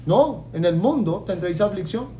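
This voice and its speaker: A lively Colombian man preaching a sermon, his fairly high voice leaping up and down as he plays out little scenes and jokes with his listeners. A faint hum sits under the recording. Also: moderate pace, lo-fi sound. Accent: Colombian Spanish. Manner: animated, acts out voices and jokes with the congregation.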